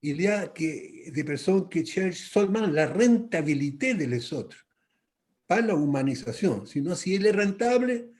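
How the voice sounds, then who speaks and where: A man with a Latin American Spanish accent speaks halting non-native French, searching for words and repeating himself as he reflects at a church workshop. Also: high voice, lively intonation, a little mellow.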